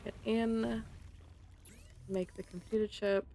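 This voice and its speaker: Casting: woman streamer, gravelly fry, frustrated swearing self-talk while gaming. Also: mid-range voice, fairly even intonation, slow pace, dark tone, soft background music. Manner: talks to herself, frustrated, swears a lot. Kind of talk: casual gaming commentary.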